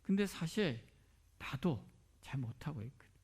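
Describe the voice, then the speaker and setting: A man's voice: a little high, animated, moderate pace, a little mellow, husky. A middle-aged man preaching a sermon as a pastor, asking rhetorical questions and dropping to near whispers.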